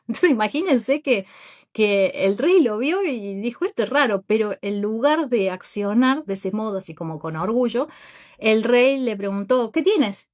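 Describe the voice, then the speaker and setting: A woman hosting a podcast, telling a Bible story in a thoughtful, unhurried monologue that speaks straight to her listeners. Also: a little high. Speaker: podcast host.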